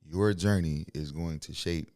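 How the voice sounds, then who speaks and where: Deep-voiced blunt preachy man. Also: a little slow, warm tone, dry recording. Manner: blunt, preachy, tells stories, laughs often. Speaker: guest, signed music artist. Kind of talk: faith-centered interview talk.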